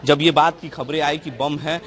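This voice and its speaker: A man's voice: a little high, fairly even intonation, a bit bright. Man reporting from the field. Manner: pressing questions, brisk piece to camera. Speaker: news reporter.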